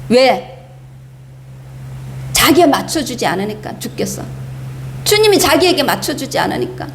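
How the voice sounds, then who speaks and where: A woman's voice: sits high, big pitch swings, a little slow, echoey room, slight background noise. A woman pastor preaching a sermon in a church, asking her congregation emphatic rhetorical questions and acting out the complaints of the people she quotes. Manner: acts out the prophet's complaints in quoted speech. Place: church sanctuary.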